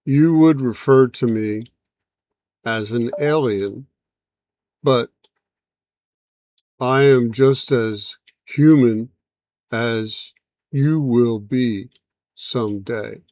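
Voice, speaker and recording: A solemn male alien envoy speaks slowly and evenly, voiced by a man telling the story. His voice sits at a middle pitch with a dry, close sound. Every word comes out formal and patient. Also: darkish tone, no room sound. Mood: calm, solemn. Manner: measured, formal, unhurried speech.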